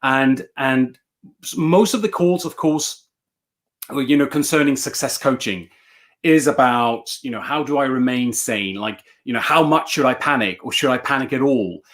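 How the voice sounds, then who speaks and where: A man's voice: medium pitch, moderate pace. Swedish man on a video call. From Sweden. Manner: earnest, repeats words while thinking. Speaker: success coach, guest. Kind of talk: casual video-call interview. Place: bright room at home.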